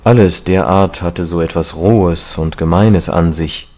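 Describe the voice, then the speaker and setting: A man narrating an audiobook in a measured, calm literary reading. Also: low-pitched.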